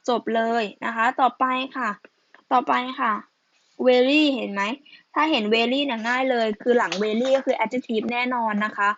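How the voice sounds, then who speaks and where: Slow, patient woman teacher, dry recording. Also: high-pitched, no echo, muffled recording. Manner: patient, ends phrases with soft polite particles, spells out letters. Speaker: English teacher. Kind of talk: slow casual lesson explaining answers.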